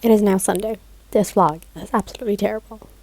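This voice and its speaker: A young woman vlogs about her week of reading, rambling in a chatty way with plenty of "like" fillers and soft laughs. Her mid-range voice holds a steady tone, and she speaks fast.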